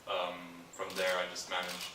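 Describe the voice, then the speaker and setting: A man, a racing driver, answering press conference questions in a modest, measured way with halting restarts. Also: low-pitched, monotone, roomy sound, distant mic, noisy background.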